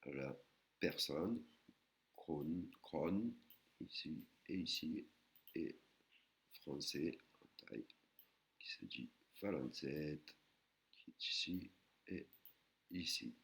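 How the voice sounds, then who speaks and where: A man teaching a recorded language lesson, patiently explaining and sounding out words slowly, syllable by syllable. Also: rumbling low, vocal fry, pushed and bright. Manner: slow, careful, syllable-by-syllable pronunciation of Thai words.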